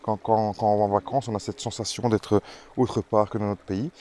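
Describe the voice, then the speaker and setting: Rambling Belgian man, low voice. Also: little pitch movement, moderate pace, warm tone, slight background noise. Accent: Belgian French. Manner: rambling, many hesitations and restarts. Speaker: amateur gardener presenting tomato seeds. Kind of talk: casual garden vlog. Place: vegetable garden outdoors in hot weather.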